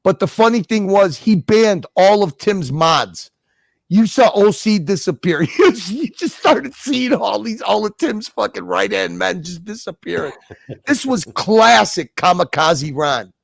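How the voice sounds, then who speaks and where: A man's voice: high-pitched, lively intonation, a little slow, vocal fry, dry recording, clean studio sound. A man hosting a live stream, rambling casually and chuckling as he reacts to old clips. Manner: chuckling, rambling, interrupts himself. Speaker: streamer host.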